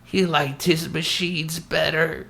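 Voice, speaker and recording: A man voicing an elderly mother in a slow, high-pitched old-lady voice, blunt and wry. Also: fairly even intonation, creaky, pushed and bright, a little hiss or hum, heavily acted.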